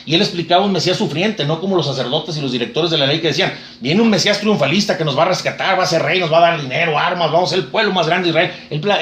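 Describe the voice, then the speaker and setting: Fast fervent preacher man. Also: a little high, a bit bright, roomy sound, a little hiss or hum. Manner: fervent storytelling, quotes scripture. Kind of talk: sermon retelling scripture.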